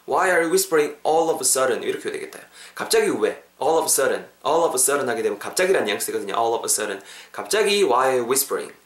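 A man's voice: mid-range voice, fairly bright tone, roomy sound. A Korean-speaking man hosting a casual English lesson podcast, stretching out his English example phrases. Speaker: English teacher and podcast host.

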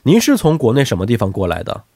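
A man's voice: mid-range voice, wildly swooping pitch, quick pace, mellow, slightly rough, no echo, clean studio sound. A man hosting a quiz show in a chatty, teasing way, talkative and often adding tag questions.

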